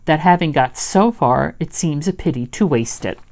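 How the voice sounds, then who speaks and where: A woman voicing a fussy, cautious, prim male rabbit in a children's storybook, brisk and polite but stern. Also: low-pitched, lively intonation, a little mellow. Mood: matter-of-fact. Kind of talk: children's storybook read-aloud.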